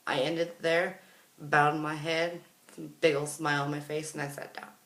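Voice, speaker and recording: A male vlogger tells a personal story in a casual, chatty way, acting out what other people said as he goes. His fairly high, slightly bright voice has little pitch movement at a normal speed, and the room sounds roomy and echoey.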